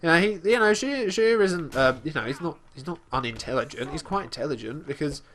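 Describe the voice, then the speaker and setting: A man casually commenting on his gameplay as host, talking about his character in third person with halting restarts and fillers. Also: on the high side, expressive, a bit bright, a little hiss or hum. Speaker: let's play host.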